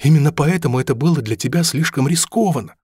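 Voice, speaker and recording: A man's voice: on the high side, quick pace, a little mellow, slightly rough, no room sound, clean studio sound, pitched above the performer's own voice. A man reading aloud voices an anxious, defensive young male student.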